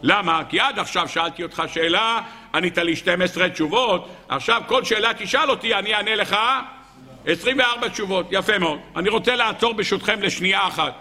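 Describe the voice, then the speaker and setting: A man giving a lively sermon to an audience, asking questions and answering them himself, with humor. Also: high-pitched, big-room sound. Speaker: rabbi giving a Torah talk. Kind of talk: sermon with storytelling.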